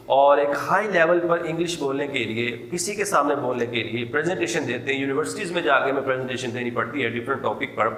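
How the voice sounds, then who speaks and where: A man with a Pakistani accent giving a recorded English lecture, repeating points and reading English example sentences out slowly and deliberately. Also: medium pitch, a bit bright. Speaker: college English teacher. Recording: echoey hall with long reverb.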